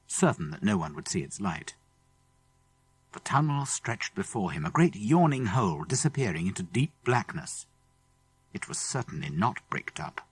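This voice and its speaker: In this clip an audiobook narrator reads a children's adventure story with expression, building suspense as he goes. He speaks with a British accent, and his voice is husky and fairly low.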